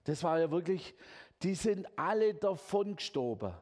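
Male preacher, folksy and animated sermon delivery. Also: high voice, moderate pace. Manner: chatty and lively, often adding "gell".

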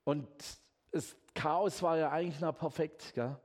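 Guy preaching, chatty and lively, keeps saying gell. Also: fairly high pitch, measured pace. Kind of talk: sermon.

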